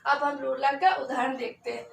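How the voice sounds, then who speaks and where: A woman's voice: high voice, level tone, normal speed, gravelly. A woman teacher giving a lesson, patiently counting aloud and asking and answering her own questions. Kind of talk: Hindi poetry meter lesson, counting aloud. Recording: echoey room, far from the mic, faint noise.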